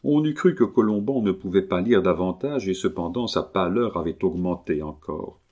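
Very deep-voiced man narrating a novel. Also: lively intonation, moderate pace, darkish tone.

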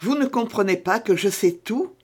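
A woman's voice: mid-range voice, animated, normal speed, breathy edge, voice pushed up. A woman reading a novel aloud, voicing a cunning, guarded noblewoman who speaks insistently. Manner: hesitant, then cold and insistent. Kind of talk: audiobook character reading.

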